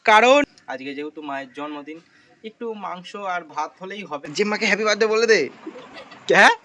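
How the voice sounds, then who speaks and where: A man vlogging with a handheld phone in a bedroom at home at night, talking excitedly and coaxing loudly. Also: high voice, fairly quick, slight background noise. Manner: excited, sings and coaxes loudly. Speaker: vlogger, son. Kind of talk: casual home vlog.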